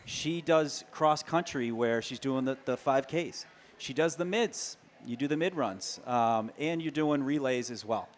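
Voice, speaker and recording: Energetic man co-hosting sports talk. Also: mid-range voice, measured pace, a little hiss or hum. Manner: energetic, gushing, talks in loose run-on phrases. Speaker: co-host. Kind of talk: local sports talk show. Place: local TV studio.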